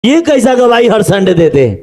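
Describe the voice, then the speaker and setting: A male pastor preaching a lively sermon to a church congregation, calling out to them and acting out the voices of the story. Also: high-pitched, moderate pace. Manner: animated preaching, calls to the congregation.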